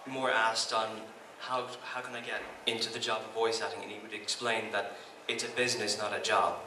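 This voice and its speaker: A man in the audience puts a question to the panel, stopping often with ums. His voice is mid-pitched and sounds far from the mic. The hall is very echoey and a clear hiss runs underneath. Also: little pitch movement. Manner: halting, many ums. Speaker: audience member asking a question.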